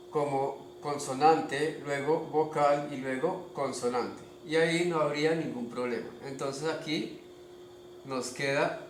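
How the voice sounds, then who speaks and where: Guy teaching spelling really slowly, kinda high voice, pauses a lot, echoey room w a bit of hiss. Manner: slow and deliberate, pausing often, checking with "¿ok?". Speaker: language teacher. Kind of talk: slow spelling lesson. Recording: echoey room with faint background noise.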